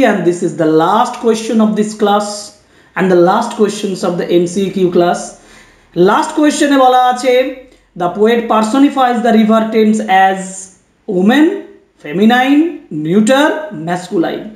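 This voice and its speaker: Man, very high voice, slow deliberate pace, exam-prep lesson, echoey room. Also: animated. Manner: reads English questions slowly, explains quickly in Bengali. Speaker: English teacher.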